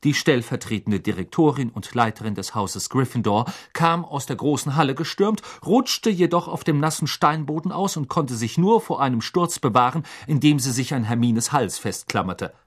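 A man narrating an audiobook in an expressive, dramatic storytelling manner. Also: mid-range voice, normal speed, few pauses.

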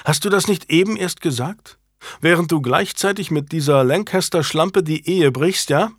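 A man voicing a sharp-tongued noblewoman, a wronged wife who turns scornful and biting, in an audiobook. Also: medium pitch, lively intonation, normal speed, breathy edge, no echo, clean studio sound. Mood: furious. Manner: scornful, biting, rising to shouted accusations. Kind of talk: audiobook character reading.

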